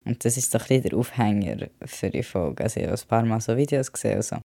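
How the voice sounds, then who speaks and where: A man's voice: on the low side, lively intonation, fast, creaky, mellow, no echo, clean studio sound. A man with a Swiss German accent talking in a casual vlog monologue, chatty and mixing in English words. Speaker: vlogger.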